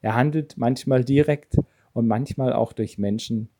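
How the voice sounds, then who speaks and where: Devotional speaker, male, warm and slightly husky, earnest Bible storyteller. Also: medium pitch, unhurried. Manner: earnest storytelling, reads scripture then comments. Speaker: preacher. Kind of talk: devotional Bible reading and reflection.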